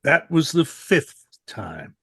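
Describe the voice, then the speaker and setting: A man's voice: a little high, big pitch swings, takes it slowly, slightly rough, no room sound, clean studio sound, full character voice. A man playing a shaken young soldier who has just escaped death, in a table read over a video call. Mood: stunned.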